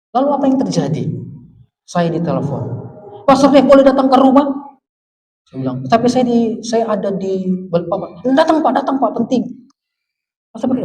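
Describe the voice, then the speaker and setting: A man pastor telling a story in a sermon, acting out the dialogue with sudden loud outbursts. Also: high voice. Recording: preacher heard from a distance.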